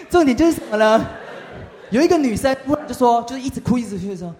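A young man tells a lively testimony story to a youth group, often asking the audience questions. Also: very high voice, fast talker. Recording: reverberant hall.

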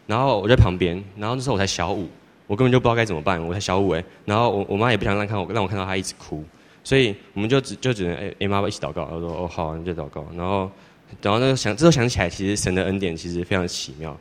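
A teenage boy giving a church testimony in a rambling, halting way, with many restarts. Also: low voice. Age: teens. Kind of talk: personal testimony. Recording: long hall reverb.

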